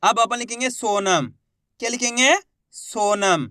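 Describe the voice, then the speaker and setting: A man teaching Hindi reading in a slow step-by-step lesson, patiently repeating each word and sounding out syllables. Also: high voice, sharp tone, smooth, no room sound, clean studio sound.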